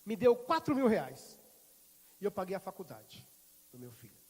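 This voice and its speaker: A man's voice: sits high, big pitch swings, normal speed, darkish tone, slightly rough. A middle-aged Brazilian man, a pastor with a Brazilian Portuguese accent, preaching a sermon in a church and telling a story with voiced dialogue. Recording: hall reverb.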